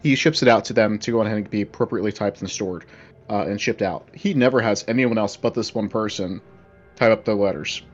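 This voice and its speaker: A man's voice: on the low side, brisk. Guy game-mastering a horror tabletop game, rambly, muffled lo-fi audio, faint music behind. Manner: loose, rambling, lots of fillers and restarts.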